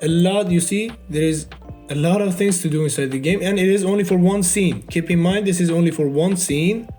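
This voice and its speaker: Soft music plays behind a man with a high-pitched, dark-toned voice as he briskly gives a loose, unedited devlog walkthrough of his indie game. His first language is Farsi, and he often fills gaps with "you know".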